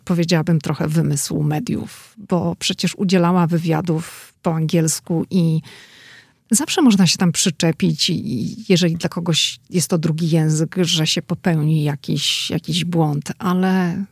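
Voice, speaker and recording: A woman reporter talking casually and with animation about an event she attended, quick to push back in discussion. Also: fairly low pitch, fairly even intonation, creaky, husky, no room sound, clean studio sound. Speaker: correspondent.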